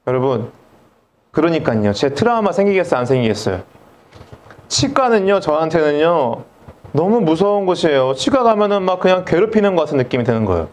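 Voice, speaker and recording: A middle-aged man preaching with high, bouncy pitch that swoops up and down. He tells a funny personal story and acts out every line of dialogue. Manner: animated, comic storytelling with acted-out dialogue. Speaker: pastor. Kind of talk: storytelling sermon.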